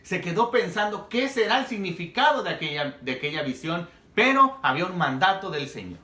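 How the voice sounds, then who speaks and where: A man's voice: high-pitched, sing-song, fairly quick, sharp tone. Man, pastor, sermon, dramatic storytelling, reverberant hall sound. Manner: dramatic storytelling, acting out quoted dialogue.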